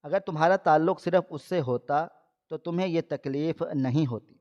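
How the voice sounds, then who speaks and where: A man's voice: fairly high pitch, a little mellow, lightly acted. A man voicing a harsh mother who scolds and dismisses her daughter, read in his own plain voice. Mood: scolding. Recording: dull lo-fi audio.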